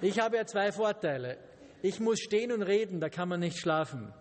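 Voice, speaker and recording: A man preaching a sermon in a deliberate manner, with joking asides to his listeners. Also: high voice, animated, big-room sound.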